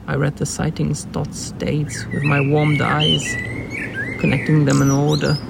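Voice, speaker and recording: Male reader, deadpan literary fiction, flat delivery, gravelly; noisy take with birdsong. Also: a little high. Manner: deadpan, even reading. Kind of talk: reading literary fiction aloud. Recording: noisy recording with birdsong behind. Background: birds chirping.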